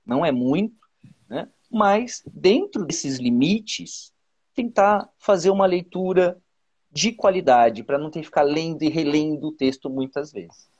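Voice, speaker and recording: A Brazilian man speaking as a teacher over a video call, his voice husky and a little breathy. His pitch swings up and down a lot as he talks. He stumbles and repeats words as he explains. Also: lively intonation, a little mellow, muffled recording. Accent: Brazilian Portuguese. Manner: halting, many repeated words and fillers. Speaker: teacher, guest. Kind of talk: casual explanatory advice.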